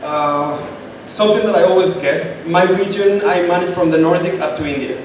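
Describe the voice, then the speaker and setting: A man whose voice sits high speaks at normal speed with a Chilean Spanish accent, a guest answering questions at a startup event. He leans on emphasis and repeats points, and the room is echoey, far-off and noisy.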